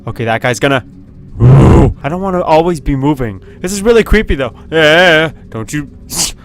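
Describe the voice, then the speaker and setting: A man giving casual, excitable commentary as he plays a video game at his computer, laughing often and yelping when something happens. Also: a little high, normal speed, creaky, a little hiss or hum. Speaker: gaming video host. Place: at home at a computer with webcam.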